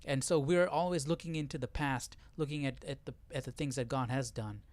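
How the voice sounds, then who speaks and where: Talking briskly in a mid-range, darkish voice, the host of a Bible study livestream walks viewers through scripture in a casual, conversational way. He checks in using rhetorical questions, and the recording is dry.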